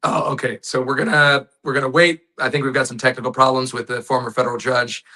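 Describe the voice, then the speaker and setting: A man with a hoarse, raspy voice hosting a live online news show, casual and friendly with his guests. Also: mid-range voice, little pitch movement, fast, pushed and bright.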